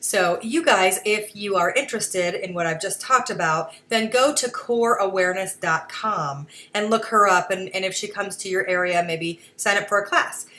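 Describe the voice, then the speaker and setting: A woman's voice: medium pitch, moderate pace, few pauses, bright, forceful tone. A woman hosting her own podcast segment, talking earnestly in a rambling, casual way with many fillers and restarts. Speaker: podcast host. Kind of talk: casual solo commentary.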